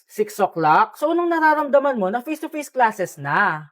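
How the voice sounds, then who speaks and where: A woman playing a lively adult interviewer asking a student questions at school, in an animated questioning manner. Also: on the high side, normal speed, pitched below the performer's own voice. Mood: curious.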